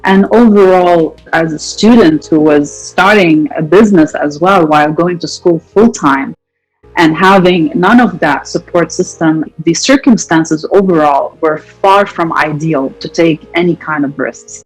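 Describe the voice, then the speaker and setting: A woman's voice: low voice, faint music behind, poor audio. Articulate woman from Lebanon, interview guest. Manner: articulate, measured, speaks in long listed phrases. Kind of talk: podcast interview answers.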